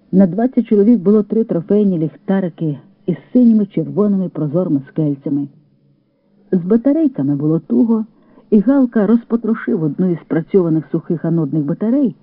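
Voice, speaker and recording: A male narrator reading a novel in a steady, measured way. His voice sits slightly high and sounds close and dry. The whole thing has the thin, narrow sound of an old radio broadcast. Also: dry recording. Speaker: audiobook narrator. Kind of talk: scripted narration of a war novel. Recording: tinny lo-fi radio recording.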